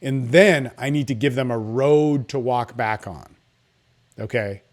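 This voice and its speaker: A dating coach with a medium-pitched voice speaks unhurriedly, offering informal advice in a confident, salesy, casual way. He often checks in with "right?"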